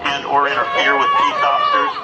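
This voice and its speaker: A man blasts a formal police order over an amplified loudspeaker. His delivery is stern and brisk, with big swings in pitch, over a very noisy outdoor crowd. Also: wildly swooping pitch, dull audio, loud music behind the voice. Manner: stern, commanding. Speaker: police officer giving dispersal order. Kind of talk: formal scripted public announcement.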